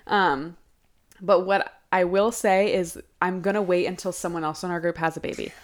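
A woman's voice: on the low side, fairly even intonation, normal speed. A young woman co-hosting a podcast in casual chat, talkative and swearing freely. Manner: chatty, swears casually, lots of "like". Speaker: podcast co-host.

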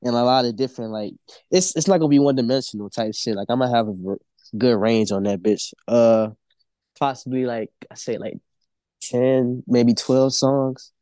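Male music artist as podcast guest: mellow, dry close sound, slangy casual storytelling, swears constantly. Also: medium pitch, moderate pace, no echo. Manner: says "bro" constantly.

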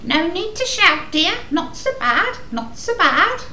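In a comic radio play, a woman acts as Mother Hubbard, a cheerful, muddled, deaf old woman who mishears everything and chats sweetly in a doddery way. Her very high, sing-song voice is bright and forceful, slow and heavily acted, in an echoey room with poor audio.

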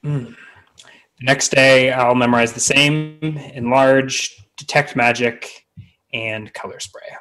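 A man's voice: medium pitch, fairly even intonation, takes it slowly, pushed and bright, poor audio. A man chatting casually as a player in a tabletop role-playing game, thinking aloud in a wry way.

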